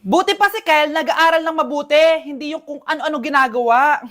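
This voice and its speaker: Young woman, comedy sketches, very high-pitched, scolding, sharp retorts. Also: a little fast.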